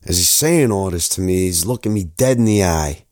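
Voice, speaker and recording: A man's voice: low-pitched, expressive, a little mellow, dry recording, studio quality. A man as a haunted young soldier. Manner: earnest, halting with stammered repeats. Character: young male soldier recalling war, haunted. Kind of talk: first-person dramatic story narration.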